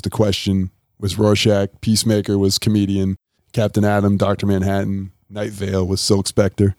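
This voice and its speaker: A man's voice: lowish voice, darkish tone, no echo, studio quality. A man hosting a podcast, chatting casually and explaining things in a loose, rambling way. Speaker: podcast host. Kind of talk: casual chat with reading and recapping.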